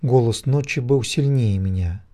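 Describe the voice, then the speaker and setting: A man narrating a dark fantasy audiobook in a measured, rhythmic storytelling manner. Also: medium pitch.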